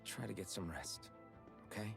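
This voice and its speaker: A man playing a gentle, earnest young hero in a video game, with music behind him. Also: fairly low pitch, animated, moderate pace, creaky. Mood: gentle, reassuring. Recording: game dialogue under music.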